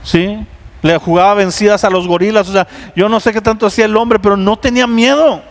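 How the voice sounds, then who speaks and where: Man, Mexican Spanish accent, pastor's sermon, high voice, long echoey hall. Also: a little fast. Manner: animated storytelling, acting out biblical dialogue. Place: church sanctuary.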